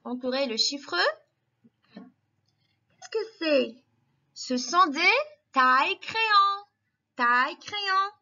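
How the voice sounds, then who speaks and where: A high, bright-voiced woman teaching young children, speaking very slowly and patiently as she walks them through each step with encouragement. The recording sounds a little dull and lo-fi. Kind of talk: slow, clear classroom instruction for young children.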